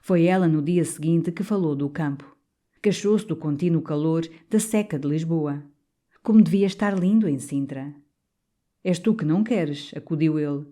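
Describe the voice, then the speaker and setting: A woman reads a nineteenth-century novel aloud as an audiobook. Her voice sits low and mellow, and the reading is measured and expressive. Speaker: audiobook narrator. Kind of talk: literary audiobook narration.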